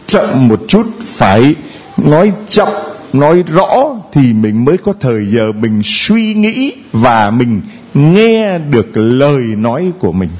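Animated preaching man, lively pitch. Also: slow, husky. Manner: lively, animated preaching with sung snatches and mimicked voices. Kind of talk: sermon at a retreat.

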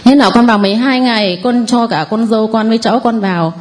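A woman's voice: on the high side, fast talker, slight background noise. A woman in her forties with a northern Vietnamese accent, giving a nervous, rambling, deferential testimony to a priest. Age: 40s. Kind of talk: spoken testimony.

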